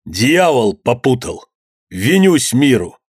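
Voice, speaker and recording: A man's voice: medium pitch, animated, slow pace, breathy edge, dry recording, studio quality, heavily acted. A man voicing a desperate merchant accused of murder, crying out to a crowd. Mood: repentant. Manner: shouting, frantic.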